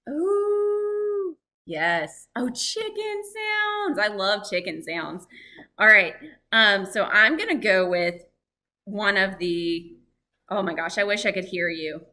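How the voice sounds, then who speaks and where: A woman presenting a live, lively lesson for families, chatting and asking her audience questions. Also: mid-range voice, measured pace. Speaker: library program presenter on birds.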